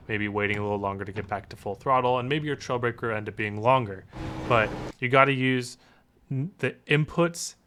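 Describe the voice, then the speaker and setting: A man giving calm, methodical driving instruction while playing a racing game, often repeating key words. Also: mid-range voice, background noise. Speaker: sim racing coach. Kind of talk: instructional commentary over gameplay.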